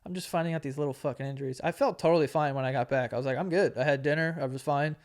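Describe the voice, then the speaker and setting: A podcast host in his late twenties tells a story in casual chat, racing along at medium pitch with fairly even intonation. He's laid-back and profane, laughing often and acting out what people said.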